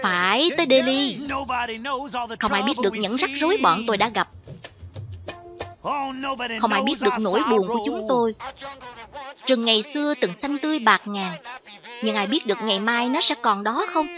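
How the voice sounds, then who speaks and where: Voicing every character in a scripted cartoon translation herself, a woman speaks at normal speed with long pauses. Her slightly high voice is animated, and the loud original cartoon soundtrack and music run beneath her.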